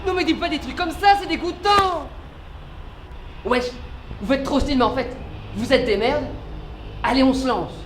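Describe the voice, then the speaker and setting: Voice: high voice, moderate pace, long pauses, a bit bright. An actor playing a jeering, childish rival in a comedy short, recorded with roomy echo and faint vehicle noise. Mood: mocking. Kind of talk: comedy short film acting.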